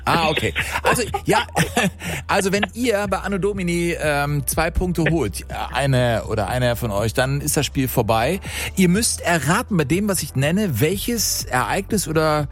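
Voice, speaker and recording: A man hosting a radio quiz in a studio, chatty and upbeat, explaining rules quickly with fillers. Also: on the high side, lively intonation, faint music behind.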